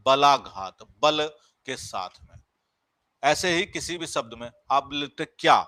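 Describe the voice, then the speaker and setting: In a live online grammar class, a man teaches step by step, repeating key words and putting questions to the class. His voice is on the high side, pushed and bright, and the recording is dry.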